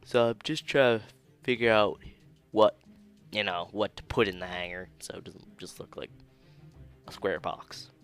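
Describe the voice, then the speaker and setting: A man's voice: fairly low pitch, moderate pace, long pauses, a bit bright, clear, resonant tone, faint music behind. A young man casually narrating his own 3D modeling build, laid-back and self-deprecating, chuckling now and then and sounding tired of rerecording. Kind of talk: casual screen-recorded commentary.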